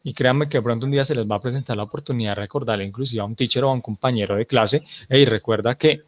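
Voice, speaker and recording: A man's voice: mid-range voice, racing. A man teaching a grammar class, explaining rules patiently, repeating key points and often checking that his students follow. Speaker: English teacher.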